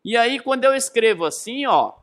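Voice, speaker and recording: With a very high-pitched, expressive voice and a fairly bright tone, a thirty-something physics teacher with a Brazilian accent works through a lesson at a moderate pace. He's emphatic and didactic, leaning on rhetorical questions and repeated key phrases.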